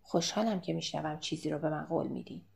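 A man's voice: a little high, creaky, a little mellow. A woman reading as a big courteous man. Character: big calm protective man at a bar.

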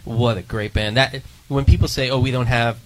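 Man, podcast co-host, casual chat, rambling storyteller, mid-pitch voice. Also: steady tone, normal speed, crowd noise, low-quality recording. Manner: rambling storyteller, hunts for names mid-sentence.

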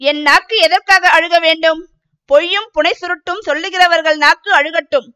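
A woman voicing a fiery, jealous young village woman, taunting and sharp-tongued. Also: very high-pitched, normal speed. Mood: jealous scolding.

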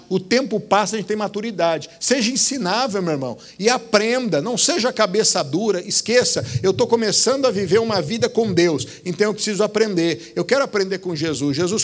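A man preaching a sermon, exhorting his listeners with rhetorical questions and calling them brother. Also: high voice.

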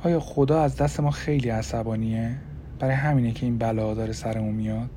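A man's voice: mid-range voice, steady tone, mellow, slight background noise, lightly acted. A man voicing an anxious, tearful young wife in an audiobook, with fearful, pleading questions. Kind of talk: audiobook character voice.

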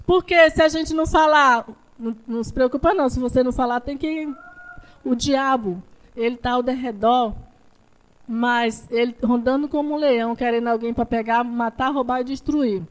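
Fervent high-voiced woman preacher. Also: fairly even intonation, normal speed, clear, resonant tone. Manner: fervent, rising to shouted declarations. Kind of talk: sermon.

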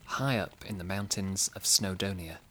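Male sleep-story narrator, deep low register, slow soothing delivery. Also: fairly bright tone, slight background noise, rough recording.

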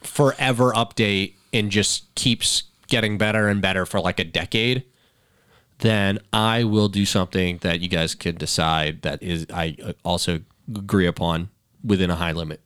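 A man's voice: low voice, moderate pace, a bit bright, clean tone. An American man bantering and telling stories casually as a podcast host, insistent and swearing a lot.

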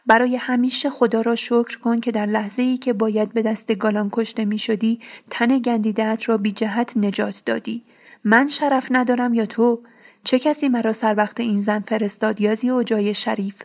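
A woman's voice: fairly high pitch, steady tone, darkish tone. A woman reading as a cold, ruthless young warrior. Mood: scornful. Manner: cold, scornful, harsh.

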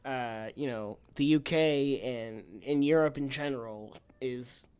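A man's voice: medium pitch, takes it slowly, a little mellow, clean tone. A young man co-hosting a podcast, chatting casually and laughing, with playfully strong opinions. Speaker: podcast co-host. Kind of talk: casual chat.

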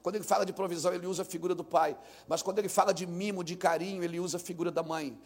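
A male senior pastor preaching a sermon, swinging from calm teaching into shouted, sung cadences. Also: sits high, racing, slightly rough.

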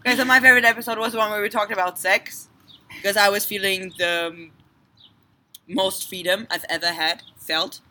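A woman's voice: medium pitch, fairly even intonation, normal speed, sharp tone. A woman co-hosting a casual chat with friends, cheeky and joking. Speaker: podcast co-host.

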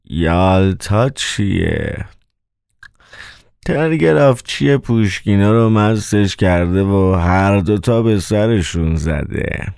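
A man putting on an evasive theater manager in an audiobook, dragging his words out slowly with a lip-smacking mumble. His deep voice sounds close and dry. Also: gravelly, a little mellow, clear, resonant tone, dry recording. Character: sluggish, evasive middle-aged male theater manager.

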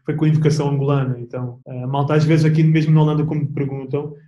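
A young man with a European Portuguese accent, chatting as an interview guest in a relaxed, slangy way with plenty of restarts. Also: fairly high pitch, very fast, reverberant, highs cut off. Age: young adult. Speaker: guest athlete. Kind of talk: casual interview chat.

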